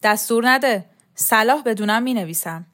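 A woman's voice: on the high side, a bit bright, lightly acted. A woman reader voicing a bossy, impatient male official who barks short commands in a storybook reading. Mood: curt. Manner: curt commands, barking.

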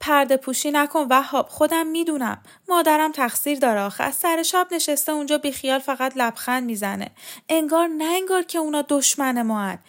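A woman's voice: sits high, voice pushed up. A woman voicing a frightened, guilt-ridden spinster aunt who pleads and rails in an agitated, self-reproaching way in a storybook reading.

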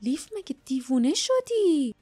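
A woman's voice: high-pitched, very animated, soft background music, voice pushed up. Give me a fierce, urgent young girl, as a woman reads her in a storybook. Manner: urgent, hushed.

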